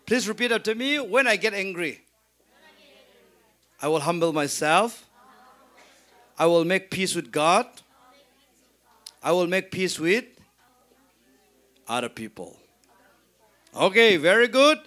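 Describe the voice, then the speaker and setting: Guy with a really high bright voice teaching sunday school, slow, asks stuff then answers it himself. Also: very animated. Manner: leads call-and-response repetition. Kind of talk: interactive Bible lesson.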